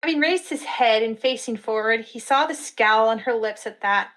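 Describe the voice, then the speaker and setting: Woman narrating a fantasy story live, steady reading, slightly high voice. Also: moderate pace, rough recording.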